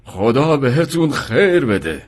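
A man's voice: mid-range voice, sing-song, voice pushed up. A man voicing a cheerful, humble street vendor who jokes with his customers. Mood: friendly. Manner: slow, friendly, joking.

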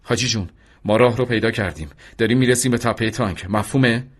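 A man voicing a steady, devout male battalion commander in an earnest radio drama reading. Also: medium pitch, lightly acted. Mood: calm. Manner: earnest, fervent when pleading.

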